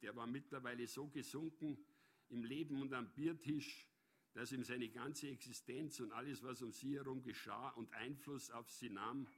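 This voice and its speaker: A man reading a story aloud in measured, even audiobook narration. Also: medium pitch, slightly rough.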